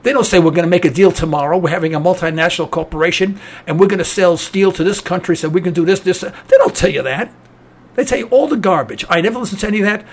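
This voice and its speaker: A male radio talk host with a New York accent delivers a cynical political rant on his talk program. His voice is high-pitched and his pace is quick.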